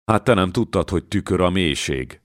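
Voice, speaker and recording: A man voicing a calm, curious young scholar who questions and explains. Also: low-pitched, no echo, studio quality.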